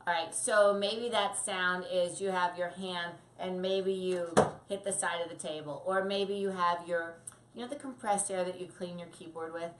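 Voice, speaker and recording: A woman dog trainer giving casual tips to camera, lively and acting out quick voices for the puppy and the owner. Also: fairly low pitch, echoey room, heavy background noise.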